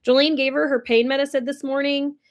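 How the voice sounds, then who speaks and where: Brisk and high-pitched with little pitch movement, this young livestream host chats casually from a ranch barn or home. She gushes and responds to comments from viewers during the live chat.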